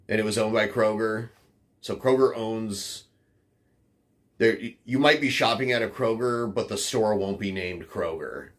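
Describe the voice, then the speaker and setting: Fairly low in pitch and a bit bright, a man from the northern U.S. hosts a podcast and casually responds to chat. His talk is rambling and offhand, heavy with fillers.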